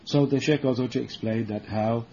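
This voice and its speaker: A man teaching a religious book lesson, explaining slowly with many restarts and checking in with "okay?", and reciting Arabic verses quickly. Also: mid-range voice, steady tone, dark tone, lo-fi sound, slight background noise. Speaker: Islamic teacher.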